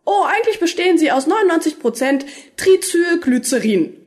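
A woman reading as the Doctor, excitable. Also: very high-pitched, fairly quick, voice pushed up. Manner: excitable, rambling, lively. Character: quirky eager male alien time traveller. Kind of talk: storybook reading.

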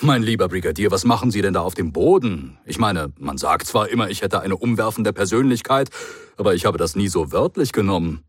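A man's voice: deep voice, expressive, a little fast, slightly rough, dry recording, clean studio sound. A man voicing an eccentric, cheerful alien time traveller who talks in a breezy, theatrical, joking way.

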